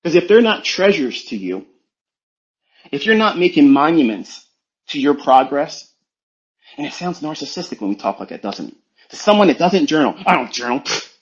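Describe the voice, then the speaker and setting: A man's voice: a little high, big pitch swings, moderate pace, long pauses, lo-fi sound. A man coaching traders in a blunt, preachy, profane motivational talk on a live audio space. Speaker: trading coach.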